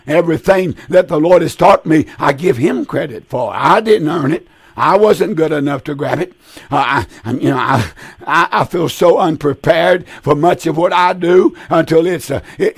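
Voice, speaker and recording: Male call-in radio preacher: weak, husky, creaky voice, slightly high, earnest plain-folks exhortation. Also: no room sound. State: voice worn from a week of preaching. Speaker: preacher hosting a call-in Bible show. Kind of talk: live Bible call-in preaching.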